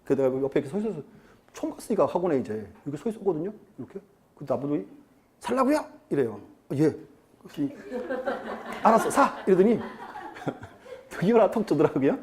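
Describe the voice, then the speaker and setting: With a fairly high, mellow voice and wide pitch swings, a male lecturer moves at a quick pace through a real estate law class. He's chatty, quizzes the room, and performs quotes.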